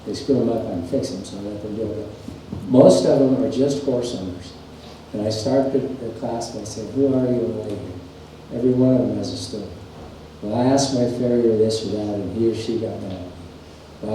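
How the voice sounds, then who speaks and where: Speaking briskly with a warm, lowish voice, this middle-aged man rambles through folksy stories as a farrier instructor presenting at a clinic. The setting is a large workshop or clinic hall, recorded from a distant mic with shop echo and a faint hum.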